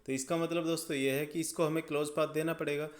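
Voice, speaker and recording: A man's voice: fairly high pitch, flat delivery, fast. A man explaining electrical circuits step by step as a tutor, checking often that the listener follows. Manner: step-by-step, checks understanding with "ठीक है". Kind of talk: explaining circuits at a drawing board.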